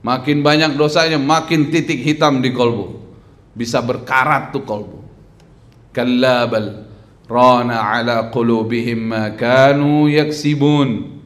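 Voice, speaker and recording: A man in his thirties giving a lively sermon at a lectern, quizzing the audience and joking between points. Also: medium pitch, takes it slowly. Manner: animated, quizzing the crowd, joking. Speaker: preacher. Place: mosque hall lecture at a lectern. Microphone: stand mic on lectern.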